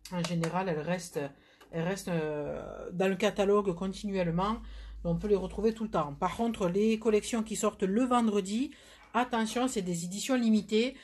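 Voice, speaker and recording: A woman's voice: mid-range voice, a little mellow. A woman with a southern French accent, chatting through a live nail polish demo with many fillers and restarts. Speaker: nail product seller.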